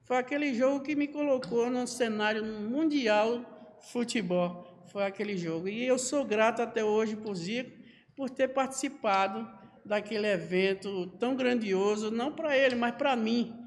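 A man, talking as a podcast guest and spinning his stories with lively energy, slipping into other people's voices as he goes. His voice sits unusually high for a man. The sound carries a long, hall-like reverb. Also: normal speed, slight background noise. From Northeast Brazil. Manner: lively storyteller who acts out other people's lines. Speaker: podcast guest, former footballer. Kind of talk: animated storytelling interview.

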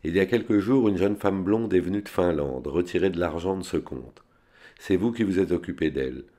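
A man with a very deep voice voicing a cold, composed male spy questioning a prisoner in measured tones. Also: warm tone.

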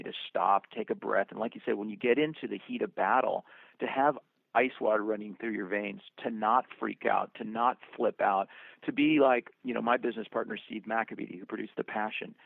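A film producer and actor, speaking as an interview guest in a medium-pitched, creaky voice, answers questions earnestly like a storyteller. He calls up scripture and old poems while reflecting on his working life. The dry, tinny sound suggests a phone line, with no room sound.

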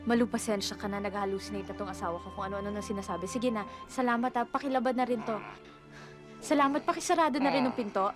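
Woman acting as worried filipino wife in a movie, high voice, bossy but caring, music behind her. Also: fast, lightly acted. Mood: apologetic, soothing. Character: concerned wife, bossy with her maid, patient with husband. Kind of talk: film drama acting. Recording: film soundtrack with music behind.

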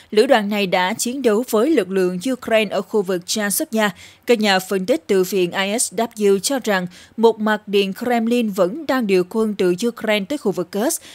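A woman presenting scripted news in a formal, measured newsreader delivery. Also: mid-range voice, no room sound.

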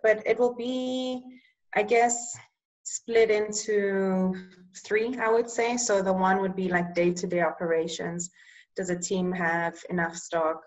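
A young woman from Eswatini, a public health worker whose first language is Bulgarian, answers interview questions over a video call. She is measured, often pausing to find the right words, in a mid-range voice on a low-quality recording.

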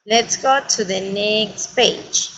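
Bright-voiced woman teaching English slowly. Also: mid-range voice, a little hiss or hum, rough recording. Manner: switches between Spanish and English, repeats phrases slowly for students to copy. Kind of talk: bilingual classroom lesson.

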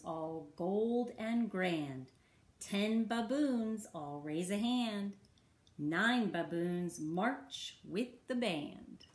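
Slow woman reading a picture book. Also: medium pitch. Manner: slow, rhythmic sing-song reading. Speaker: children's story reader. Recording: roomy echo.

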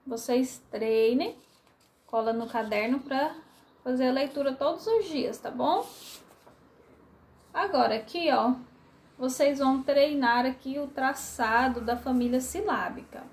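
A woman's voice: high-pitched, unhurried, long pauses, a little hiss or hum. A woman teaching a remote literacy lesson to first graders in Brazilian Portuguese, patiently drawing out syllables for young children.

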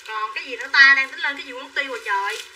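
Rapid-fire and sharp, a woman with a high voice runs a live clothing sales stream. She keeps up a chatty patter of prices and buyer names while urging viewers to buy, and the distant recording carries faint background noise.

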